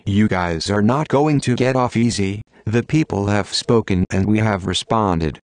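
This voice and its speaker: A man reading a stern scripted public warning as an anonymous activist spokesman, his voice disguised and artificially deepened. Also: no room sound. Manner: stern, measured, declaiming delivery.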